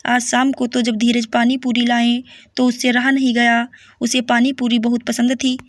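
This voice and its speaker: A woman narrating a moral story in a steady, even reading voice. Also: fairly high pitch, normal speed, dry recording, studio quality.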